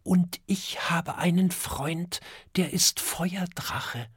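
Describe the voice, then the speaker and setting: A man voicing a little boy dragon in a hushed whisper, a whispered role-play in a children's audiobook. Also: sits high, very slow, husky, dry recording, studio quality, pitched above the performer's own voice, exaggerated voice.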